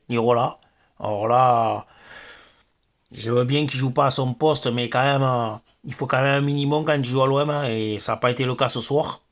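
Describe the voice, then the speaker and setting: Annoyed guy ranting about his team's loss, lots of uh and stammering. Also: medium pitch. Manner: hesitant, many fillers and stammers. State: angry. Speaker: football fan channel host. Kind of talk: angry post-match rant.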